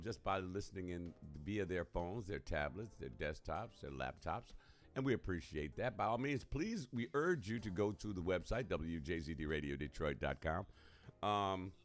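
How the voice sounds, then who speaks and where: A man's voice: low-pitched, a bit bright. A man hosting a live radio show, talking casually and colloquially and laughing often. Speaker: radio host.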